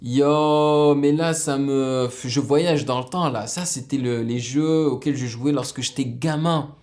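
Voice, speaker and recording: A man giving casual, excitable reaction commentary on a music video, explaining the production as he goes. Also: mid-range voice, unhurried. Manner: excitable, bursts into exclamations.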